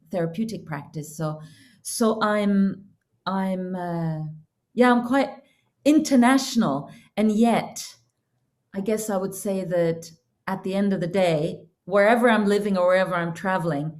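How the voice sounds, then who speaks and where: A middle-aged woman from Norway speaks as an interview guest in an earnest, reflective manner. Her voice sits on the lower side, and she tells her story in a casual, unhurried way. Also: a little mellow. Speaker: podcast guest, holistic counselor and coach.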